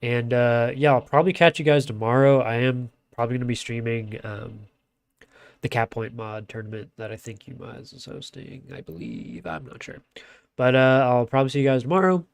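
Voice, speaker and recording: This streamer's voice is medium-pitched, creaky yet smooth, and nasal from blocked sinuses. He talks briskly, giving chatty, loose commentary on a strategy game and cursing now and then while music plays.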